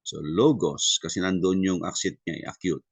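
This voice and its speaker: A man teaching a Greek review class. He mixes Tagalog and English, uses many fillers and tag questions, and slows down to spell out sounds. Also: low-pitched, level tone, vocal fry, darkish tone, dry recording. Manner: spells out sounds slowly and deliberately.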